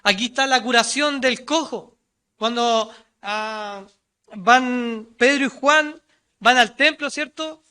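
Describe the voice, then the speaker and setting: Here a male preacher with a Chilean Spanish accent speaks at a slow pace in a clean tone. Through his sermon he reads scripture aloud and raises rhetorical questions only to answer them himself. His voice climbs loud and high when he quotes the crowd and sinks low and quiet for asides.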